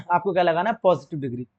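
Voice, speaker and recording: A young Indian man teaching an exam-prep grammar lesson, asking and answering his own questions and reading example sentences slowly. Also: high voice, expressive, creaky.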